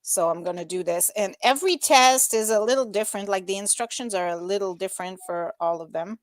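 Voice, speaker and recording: A woman's voice: mid-range voice, fairly quick, dry recording, studio quality. A woman co-hosting a casual chat show, talking chattily and explaining each step of what she is doing. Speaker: co-host.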